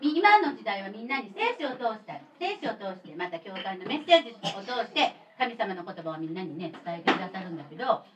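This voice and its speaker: A woman in her thirties with a Kansai accent, telling a chatty, animated children's sermon as a church pastor. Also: medium pitch, quick pace, few pauses. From Kobe, Japan. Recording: distant mic with faint noise.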